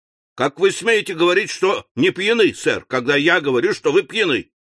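A man's voice: a little high, expressive, normal speed, bright, forceful tone, no room sound, voice pushed up. Male reader voicing a self-important hothead judge in an audiobook, blustering, dry studio sound. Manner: blustering, bullying. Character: pompous irascible male provincial magistrate. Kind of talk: audiobook character voice.

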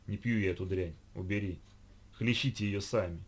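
A man reading a storybook, voicing a gruff middle-aged captain who answers in short, grumbling lines. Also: lowish voice, normal speed. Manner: curt, grumbling.

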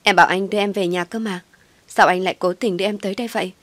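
A woman's voice: medium pitch, steady tone, very fast, a bit bright, dry recording, lightly acted. A woman voicing a timid, anxious young woman in an audio story. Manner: timid, hesitant.

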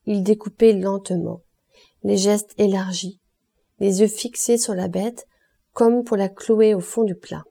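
A woman reading a classic novel aloud as an audiobook, in a steady, expressive manner. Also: mid-range voice, unhurried, creaky. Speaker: audiobook reader.

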